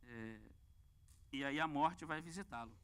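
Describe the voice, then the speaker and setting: A man with a Brazilian Portuguese accent preaching a lively sermon and asking the congregation questions. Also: a little high, unhurried, smooth. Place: church.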